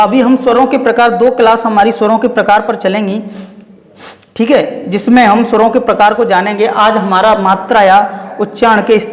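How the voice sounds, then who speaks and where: A man's voice: high-pitched, in a large hall. A man teaching a Hindi grammar lesson to exam students, explaining step by step, stretching out vowel sounds and putting questions to the class.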